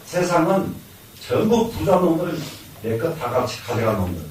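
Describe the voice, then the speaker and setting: An older monk with a Jeolla Korean accent lectures in a lively, rising and falling voice. His voice reaches the mic from across a large hall with heavy echo, and a faint room noise hangs behind it. He drives points home by repeating them and answering his own questions. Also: a little high, normal speed. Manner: explains by repeating lines, asks and answers himself, chuckles. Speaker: Buddhist monk lecturing on classics. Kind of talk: classroom lecture. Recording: echoey hall, mic from far off.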